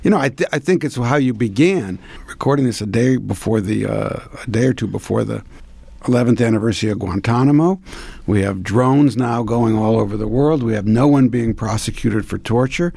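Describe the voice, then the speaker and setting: A man's voice: mid-range voice, a little fast, vocal fry, dark tone, husky, no room sound. A male interviewer asking questions hesitantly, searching for his words. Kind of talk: conversational interview.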